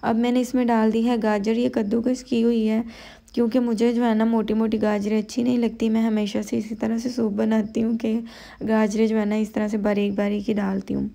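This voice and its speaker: A tired woman from Pakistan with a Pakistani Urdu accent, talking slowly and quietly through her cooking vlog voice-over at home late at night. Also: on the high side, level tone, creaky. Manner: slow, quiet, unhurried talk, full of "you know" fillers. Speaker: vlogger.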